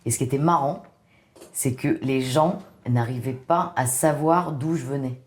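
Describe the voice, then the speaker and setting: A woman with a deep, low-set voice recounts her experiences in a relaxed podcast conversation. She talks in a lively way but keeps stopping to hesitate and restart her sentences. The recording carries a noticeable room echo. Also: normal speed. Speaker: podcast guest. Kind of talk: casual podcast chat. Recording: echoey room.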